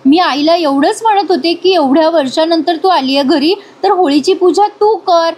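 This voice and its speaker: A woman's voice: very high voice, moderate pace, a little mellow, pitched above the performer's own voice. A woman voicing a scheming young woman who pretends to be innocent, in a whiny, pleading tone raised above her narration.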